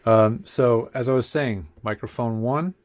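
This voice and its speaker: A tech reviewer gives a casual tutorial from his home studio, speaking into a condenser mic mounted on a desk arm and counting off frequent mic checks in a relaxed, chatty way. His voice is mid-range and measured, the recording is dry, and a faint computer hum sits in the background.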